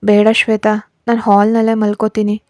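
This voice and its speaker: Weary confused young man, voiced by a woman, hesitant, mellow, dry close sound. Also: mid-range voice, monotone, fairly quick, no room sound, lightly acted. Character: confused troubled young husband.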